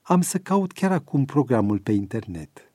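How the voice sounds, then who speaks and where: A narrator raises his pitch for a caring grown son, earnest and eager, speaking quickly and persuasively. The recording is dry and close. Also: big pitch swings, mellow, no echo.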